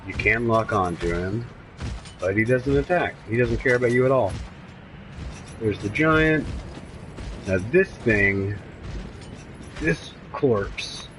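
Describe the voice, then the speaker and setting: A man giving excitable let's play commentary, reacting out loud as he plays. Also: mid-range voice, slow, long pauses, background noise. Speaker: gameplay commentator.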